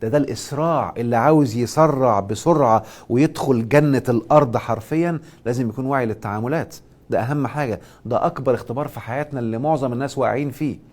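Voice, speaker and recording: A man with an Egyptian accent hosting a live stream, giving a motivational and religious talk and answering viewers' questions. He stresses points loudly, then drops to soft asides. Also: medium pitch, very fast. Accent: Egyptian Arabic. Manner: emphatic, swings between loud stress and soft asides. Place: live social media stream.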